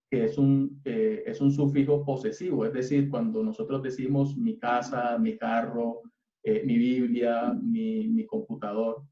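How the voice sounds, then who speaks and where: A man with a Colombian accent gives a patient teaching sermon, walking through words one letter at a time. His voice is mellow and medium in pitch. He sounds far from the mic in an echoey church, on a dull recording. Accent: Colombian Spanish. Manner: patient, explanatory, spells out letters step by step. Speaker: youth service preacher teaching Hebrew. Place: church hall.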